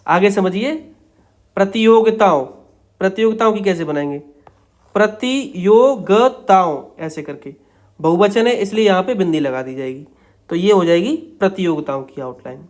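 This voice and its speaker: A man's voice: high voice, expressive. A young man walks through shorthand outlines one at a time. He talks patiently, repeats himself often, and checks in with short confirmations. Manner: patient, repetitive, explains each outline slowly. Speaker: stenography teacher. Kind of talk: step-by-step shorthand lesson.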